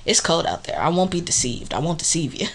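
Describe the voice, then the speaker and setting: A woman's voice: deep voice, brisk, slight background noise. A woman co-hosting a podcast, chatting casually and telling rambling stories with frequent laughter. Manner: laughing, rambling, animated storyteller. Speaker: podcast co-host. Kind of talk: casual chat.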